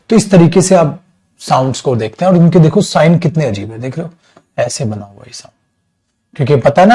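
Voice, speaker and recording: A man's voice: medium pitch, a little mellow, slightly rough, low-quality recording. A man teaching an English class online, calling students "beta" and stretching out sounds to demonstrate them.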